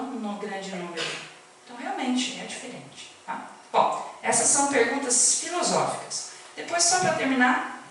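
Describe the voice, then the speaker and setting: A woman's voice: a little high, fairly bright tone, distant mic, a little hiss or hum. A woman giving an informal spiritist talk, chatty and often putting questions to her listeners. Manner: chatty, asks the audience questions. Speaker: spiritist lecturer. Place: spiritist centre hall. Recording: echoey hall, speaker off-mic.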